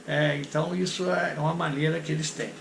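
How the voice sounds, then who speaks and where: Gravelly Brazilian-voiced English teacher, echoey room. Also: male voice, on the high side, fairly even intonation. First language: Portuguese. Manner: explains patiently, repeats example phrases slowly. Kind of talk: recorded English pronunciation lesson. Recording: echoey room with faint noise.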